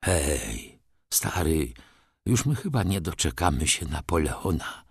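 A man voicing a blunt, gruff old soldier who mutters and teases, in an audiobook reading. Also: lowish voice, very animated, slow, fairly bright tone, dry recording, clean studio sound, exaggerated voice. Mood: hushed.

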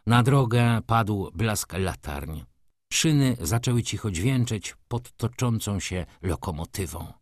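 A man narrating a classic novel aloud in a measured, dramatic reading that moves between hushed and intense. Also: fairly low pitch, animated, dry recording, clean studio sound. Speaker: audiobook narrator.

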